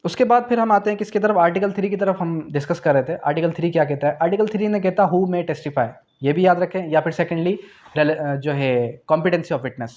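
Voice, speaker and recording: A male law teacher with a Pakistani accent gives an exam revision lecture in a slightly high, somewhat mellow voice, talking a little fast. His teaching style is didactic, posing questions and answering them himself. He repeats key phrases for emphasis and switches between Urdu and English terms.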